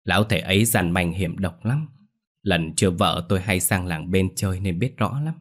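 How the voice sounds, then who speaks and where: A frightened grown son speaks in a trembling, stammering voice, voiced by a male narrator. The tone is low and husky, halting and shaken in a spoken horror story. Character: frightened grown son haunted by dead father.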